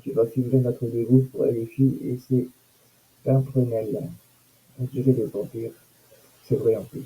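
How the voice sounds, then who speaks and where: Husky sarcastic man commenting. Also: medium pitch, level tone, a little slow, mellow, rough recording. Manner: sarcastic, mocking asides. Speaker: commentator reacting to news and comments. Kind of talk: casual commentary.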